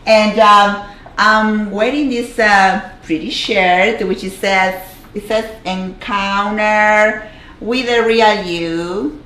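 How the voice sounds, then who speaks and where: An Argentine woman with a strong accent speaks slowly and steadily in a mid-range, slightly bright voice, coaching viewers through an earnest motivational Facebook Live talk full of fillers and repeated words. Her camera mic picks up a roomy sound, and the audio quality is poor.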